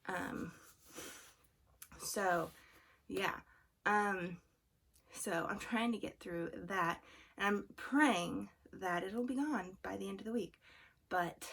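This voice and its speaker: A woman's voice: mid-range voice, creaky, a bit bright. A young woman with allergy congestion and a throaty voice, chatting in a casual, rambling vlog with many fillers. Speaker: vlogger studying for the bar exam. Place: room at home. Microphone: camera on a fixed angle.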